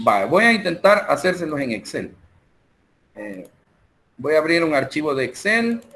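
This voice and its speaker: Here the man's voice sits on the high side and sounds very animated, with a bit of background noise. He has a Salvadoran Spanish accent and is teaching math online, walking slowly through figures and a spreadsheet one step at a time with plenty of fillers.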